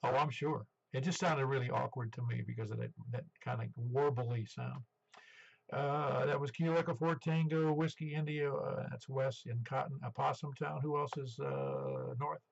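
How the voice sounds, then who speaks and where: Older man in his seventies over creaky radio. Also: medium pitch, steady tone, moderate pace. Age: 70s. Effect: two-way radio transmission. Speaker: amateur radio net controller. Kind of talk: casual radio net check-in talk. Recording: dull band-limited ham radio audio.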